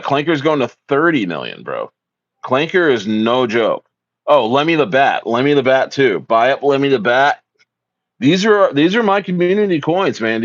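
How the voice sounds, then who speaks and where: A man's voice: medium pitch, dry recording. A man from South Jersey hosting a casual livestream, reading viewer comments and hyping things up in slangy, repetitive talk. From South Jersey, USA. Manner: hyped, repetitive slangy talk with lots of "bro". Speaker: livestream host. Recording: dull lo-fi dry audio.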